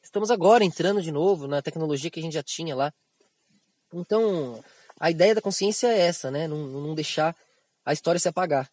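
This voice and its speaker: Lively and full of slang, a Brazilian Portuguese-accented man teaches through an esoteric spiritual monologue, mimicking others' words in raised voices. He talks a little fast in a higher-pitched voice, with no room sound.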